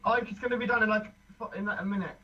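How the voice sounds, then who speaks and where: A man on a casual group call, flustered and impatient, cursing at his slow computer. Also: high-pitched, steady tone, highs cut off, crowd noise.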